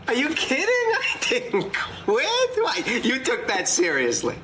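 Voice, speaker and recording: A flustered sitcom employee pretending he never quit, his voice leaping wildly up and down in disbelief. He speaks slowly, and clear background noise sits under the clip. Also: huge pitch swings, exaggerated voice. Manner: flustered, incredulous, squeaky. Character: flustered male employee pretending nothing happened.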